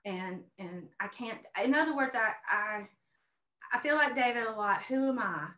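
A middle-aged woman, a painter and art teacher, speaks as a guest on a video call from a room at home, giving earnest, effusive personal testimony and often repeating phrases for emphasis. Her voice sits on the high side, expressive and sharp-toned, at a normal speed. The call audio sounds roomy and echoey.

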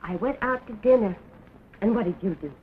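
An actress playing a doting woman who coos and laughs softly while caring for a little girl, in early talkie film acting. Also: mid-range voice, a little fast, phone-quality sound, natural voice. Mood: tender. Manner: cooing, soft and laughing. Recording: scratchy 1920s film sound, hissy.

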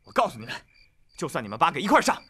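An actor playing a proud, hot-tempered young country lad who shouts defiantly in a dubbed martial arts film. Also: male voice, very animated, very fast, background noise. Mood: angry. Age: young adult. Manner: shouting defiantly, voice straining high. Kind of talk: dubbed wuxia film acting.

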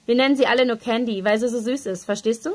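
A woman doing a lively, teasing young designer. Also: fairly high pitch, close to an everyday voice. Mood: cheerful. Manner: lively, brisk and raised. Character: cheerful, teasing young male fashion designer.

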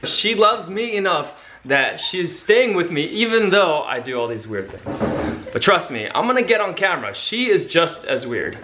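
A man's voice: high voice, sing-song, normal speed. Young guy vlogging in his kitchen, chatty and goofy, faint hiss. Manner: playful, chatty, narrating to camera. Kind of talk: casual home vlog. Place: home kitchen.

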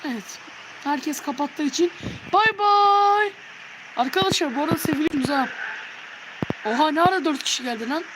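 A woman's voice: high-pitched, a little fast. A young Turkish woman streaming a horror game live, jumpy and yelping in fright as she talks to her chat. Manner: jumpy, yelps and shrieks in fright. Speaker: livestreamer. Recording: loud background noise.

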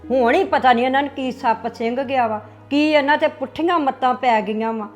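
A woman's voice: high voice, fairly quick, faint music behind, lightly acted. A middle-aged actress playing a comforting, motherly aunt in a family drama.

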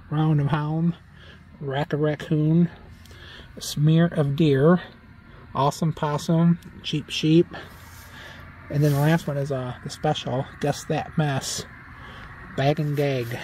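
Middle-aged male vlog host, mellow unhurried delivery, outdoor night phone recording. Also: a little high, slight background noise. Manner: chatty, reads signs aloud with dry jokes. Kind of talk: casual walkthrough narration. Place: outdoors at night at a haunted farm attraction.

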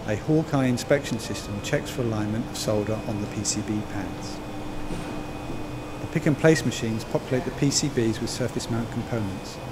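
Man, measured corporate voice-over read, mid pitch, noisy backdrop. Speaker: company narrator.

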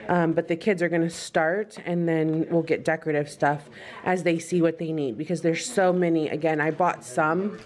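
A woman's voice: sits low, steady tone, normal speed, a little mellow. A woman in her thirties chatting casually in a home vlog, rambling and practical as she shows food and craft supplies. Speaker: family vlogger. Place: home kitchen and dining table.

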